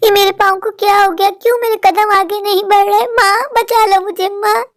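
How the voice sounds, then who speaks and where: A woman's voice: extremely high pitch, level tone, moderate pace. A woman voicing a fretful young mother who talks to herself in fear. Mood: fearful. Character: worried young mother alone in a haunted house.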